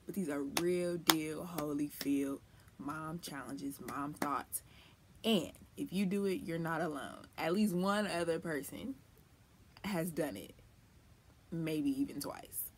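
A woman with a somewhat low voice talks candidly in a personal vlog about life as a new mother. Her delivery is chatty and expressive, full of folksy phrases and emphatic lifts. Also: slow, a little hiss or hum. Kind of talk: personal casual vlog talk.

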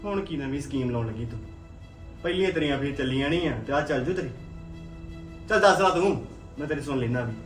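A man plays a Punjabi husband who flares up fast and accuses his wife. He talks rapidly in a fairly high voice. A roomy echo and faint music sit behind him. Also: expressive, lightly acted. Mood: accusing. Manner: hot-tempered, quick, accusing. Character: hot-tempered young husband suspicious of his wife. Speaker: angry husband and son. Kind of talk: family drama acting.

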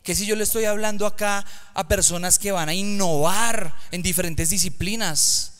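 A man preaching a lively sermon to young people in a church, swinging from hushed, slow words to loud, emphatic calls. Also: high voice, smooth. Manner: dynamic, swings from hushed to shouting. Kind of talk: sermon to youth.

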